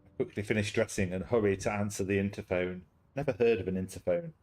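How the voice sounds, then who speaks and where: A man's voice: fairly low pitch, quick pace, darkish tone. A young man casually reading a story game aloud on a stream, chatty and easily sidetracked into jokes. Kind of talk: casual live-stream chat and game narration.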